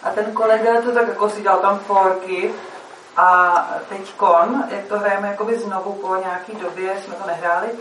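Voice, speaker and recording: A woman's voice: medium pitch, fairly even intonation, fairly bright tone. A woman performer chatting casually, rambling with lots of fillers as she tells a story. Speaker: stage performer. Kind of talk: casual chat. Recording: echoey room, mic far off, faint noise.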